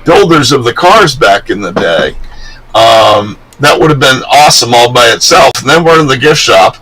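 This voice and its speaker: A man co-hosting a live stream, telling a story in a casual, animated way and laughing often. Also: medium pitch, normal speed, slightly rough, rough recording. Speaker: co-host.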